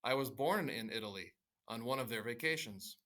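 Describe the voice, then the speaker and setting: A bright-toned young man recounting his family history, as a teacher reads him aloud. The voice is lifted and a touch louder than everyday talk, with a crisp, sharp edge. It is earnest storybook narration. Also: mid-range voice, expressive, normal speed. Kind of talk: reading a novel aloud to students.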